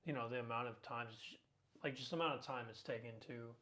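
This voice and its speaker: A man's voice: mid-range voice, quick pace, sharp tone. Chatty young man co-hosting a podcast. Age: 20s. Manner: talkative, upbeat, frequent ums and uhs. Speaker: podcast co-host. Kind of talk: casual podcast chat.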